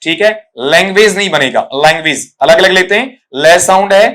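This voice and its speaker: A man's voice: sits high, fairly quick, a bit bright. A middle-aged man teaching an exam-prep English lesson, drilling pronunciation by repeating words and fondly calling students "beta".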